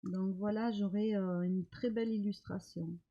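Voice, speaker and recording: A middle-aged woman vlogger showing crafts she got in the mail, talking hesitantly with many pauses while recovering from an illness. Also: mid-range voice, fairly even intonation, mellow, lo-fi sound. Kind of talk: casual show-and-tell of mail.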